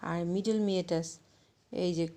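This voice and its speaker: A woman's voice: lowish voice, steady tone, normal speed, warm tone. A woman gives an anatomy lecture over slides, explaining step by step and asking her own questions. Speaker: medical lecturer.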